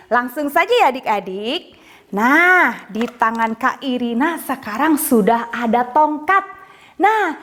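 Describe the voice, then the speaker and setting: A woman's voice: sits high, fairly bright tone. A woman hosting for children like a kids party magician, playfully coaxing them with exaggerated surprise. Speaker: children's online church host and teacher. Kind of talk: children's magic show presenting.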